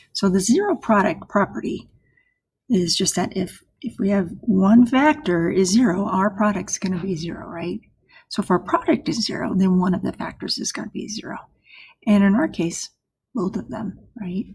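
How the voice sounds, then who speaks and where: Woman math teacher, gravelly mellow voice, unhurried step-by-step explaining. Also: medium pitch, a little hiss or hum. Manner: soft-spoken, explains step by step with frequent "right?" checks. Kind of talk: recorded math lesson.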